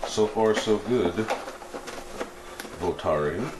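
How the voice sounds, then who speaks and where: A man giving casual unboxing commentary as a fragrance reviewer, laid-back and approving, thinking aloud in short, halting phrases. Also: lowish voice, noisy background.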